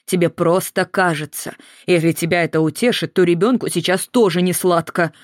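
A reader doing a calm, firm midwife. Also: medium pitch, normal speed, no room sound, clean studio sound, natural voice. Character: calm, steadfast woman midwife.

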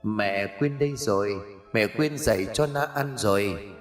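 A man voicing a vengeful, hungry ghost child girl in a horror story, speaking in a soft, hushed, pleading way. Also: lowish voice, a little slow, faint music behind, close to an everyday voice.

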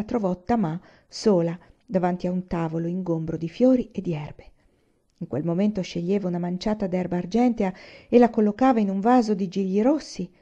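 Lady reading a novel out loud, steady and measured, warm mellow voice, kinda muffled recording. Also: mid-range voice. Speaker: reader. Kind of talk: audiobook narration.

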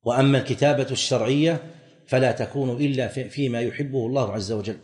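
A man teaching a religious lesson, explaining verses in a measured way and repeating his points. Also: mid-range voice, fairly even intonation, darkish tone. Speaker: Islamic scholar teaching. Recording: recorded lecture with long hall reverb.

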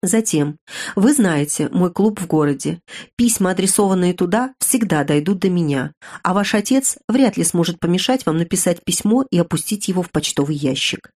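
A woman voicing a ruined young man in an audiobook, speaking in a measured, grave and resigned way. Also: on the low side, expressive, a little mellow. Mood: earnest. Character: young man, earnest, bitter, ruined suitor.

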